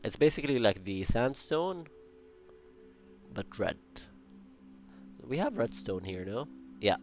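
A young man with a gravelly voice hosts a building game channel, muttering to himself, counting blocks and tossing in playful Spanish words. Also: mid-range voice, big pitch swings, slow, soft background music. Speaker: Minecraft building channel host. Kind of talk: casual gameplay commentary.

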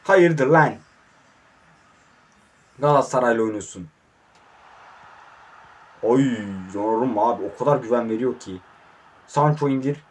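A young man commentating his own online football game, talking to the players on screen and swinging from low mutters to excited shouts. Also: slightly rough.

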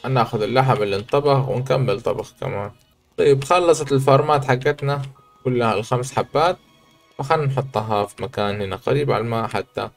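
Gaming host, male, mid-pitched, chatty let's-play commentary with excited outbursts, faint game music underneath. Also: fast, vocal fry.

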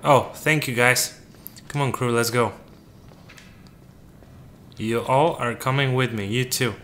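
A man's voice: mid-range voice, fairly even intonation, slow pace, pushed and bright, slight background noise. A man giving casual gameplay commentary, joking and talking to the game's characters as if they were his crew. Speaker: let's play gamer.

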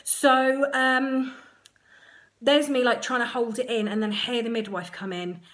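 A woman with an English accent chatting straight to camera, her voice sitting a little high. She talks frankly and with self-mocking humour, tossing in quick asides as she goes. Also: fairly even intonation, a bit bright. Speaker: surrogate mother vlogger. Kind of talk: casual storytelling to camera.

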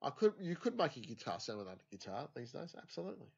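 A man's voice: medium pitch, very animated, fast talker, gravelly, a little mellow, husky. Rambling nasal man. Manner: rambling, frequent "you know" fillers. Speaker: podcast guest, music teacher. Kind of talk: casual chat. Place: home podcast studio. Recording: dull lo-fi studio recording.

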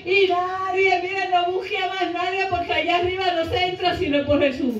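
A middle-aged woman preaching a sermon into a handheld mic in a small church hall, impassioned, rising into shouts and half-sung lines. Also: extremely high pitch, steady tone, normal speed, a little hiss or hum. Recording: echoey room, camera far off, dull sound.

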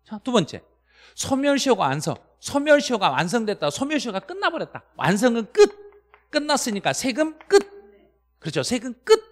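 A middle-aged man teaching a live-stream exam lecture, excited and quizzing his viewers. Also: big-room sound. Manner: animated, jumps to high excited pitch on key words, quizzes the chat. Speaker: real estate tax law instructor.

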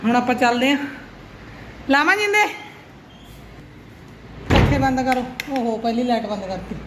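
High-pitched, dramatic Punjabi auntie vlogger. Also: female voice, very animated, moderate pace. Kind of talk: casual family vlog chat. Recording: noisy handheld vlog recording.

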